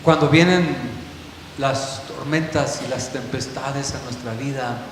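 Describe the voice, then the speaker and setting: Man preaching, storytelling pastor, hushed then loud, long church reverb, faint hiss. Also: medium pitch, slow. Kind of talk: sermon.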